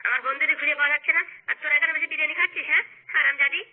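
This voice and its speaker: A man's voice: very high-pitched, fairly even intonation, rapid-fire. A man voicing a menacing, hot-tempered cartoon character who threatens suspects and comforts a worried young wife, heard through a tinny, phone-like sound. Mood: threatening. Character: menacing, hot-tempered man hunting his missing friend.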